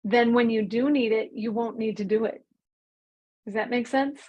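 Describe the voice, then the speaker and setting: Calm higher-voiced woman mindfulness coach. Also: lo-fi sound. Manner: calm, slows and stretches key words. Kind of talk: online mindfulness class.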